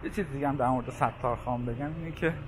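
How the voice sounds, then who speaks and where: A man talks casually as he walks city streets, his voice mid-pitched. Clear traffic noise runs behind him outdoors. He points things out and reads off prices in a relaxed, chatty way. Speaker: walking tour vlogger. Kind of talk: casual walking-tour narration.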